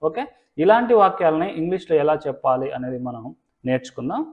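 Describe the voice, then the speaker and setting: A man with a Telugu accent teaches spoken English in a fairly high voice. He explains things patiently and slows to a crawl on each model sentence. The sound is thin and tinny, like a phone line. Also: big pitch swings.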